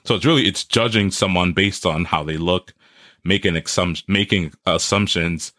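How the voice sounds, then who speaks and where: A man's voice: low voice, normal speed, a bit bright, dry recording, clean studio sound. A man in his thirties from Trinidad, raised in Brooklyn, speaking as an associate pastor on a podcast, earnest and explanatory. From Trinidad, raised in Brooklyn, New York. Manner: earnest, explanatory, laughs easily. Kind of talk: podcast interview.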